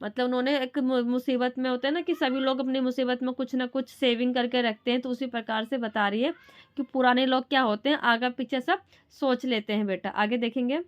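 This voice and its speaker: A woman teacher reading a story passage aloud and then explaining it in simple words, often pausing and restarting. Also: high-pitched, fairly even intonation, dull audio. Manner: halting, with restarts and fillers.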